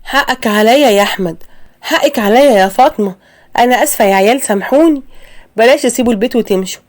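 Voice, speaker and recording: A woman with an Egyptian accent voicing a snobbish, contemptuous older mother-in-law in an animated story. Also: a little high, quick pace, natural voice. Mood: pleading. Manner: scolding, contemptuous.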